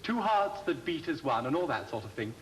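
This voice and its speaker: A man's voice: a little high, sing-song, a little fast, slight background noise, low-quality recording. An actor playing a breezy, feckless young man with an upper-class English accent and airy period slang, in a comedy. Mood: nonchalant.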